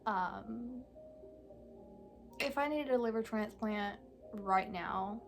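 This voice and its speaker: A young woman of eighteen speaks candidly straight to her viewers. She talks slowly and haltingly, with frequent fillers and pauses in a soft, mid-pitched voice. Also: vocal fry, faint music behind. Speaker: vlogger. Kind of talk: casual personal vlog talk.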